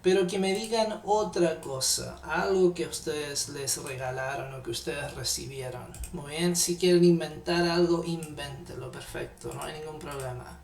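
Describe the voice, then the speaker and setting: A man teaching English in a live online class, patiently repeating phrases slowly. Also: fairly high pitch, gravelly, distant mic. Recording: echoey room, off-mic.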